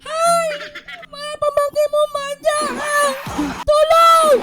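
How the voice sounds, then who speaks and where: A man's voice: completely flat delivery, slow pace, gravelly, heavy background noise, heavily acted. A man voicing a panicked young woman screaming for help in an over-the-top way. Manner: shrill, shouting, over-the-top.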